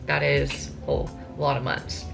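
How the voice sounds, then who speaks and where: A woman's voice: sits low, little pitch movement, a little slow, creaky, music in the background. A woman in her late twenties, a bikini competitor, chatting casually and ramblingly to camera with lots of filler words. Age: 20s.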